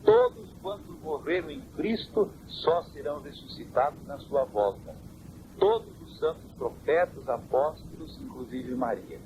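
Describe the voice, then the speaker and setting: A man's voice: on the high side, very animated. Man on hissy old worn cassette tape. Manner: measured, quotes scripture in a preaching cadence. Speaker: church elder. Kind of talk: answering interview questions on doctrine. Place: family home.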